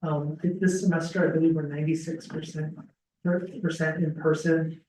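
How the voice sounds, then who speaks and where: Talking at a moderate pace in a voice on the high side, a school dean leads a relaxed information session for prospective students, with plenty of ums and restarts. He's in a classroom with an audience and streamed on a video call, picked up by a laptop webcam set some distance away. The audio is roomy and distant, carrying a little hiss or hum.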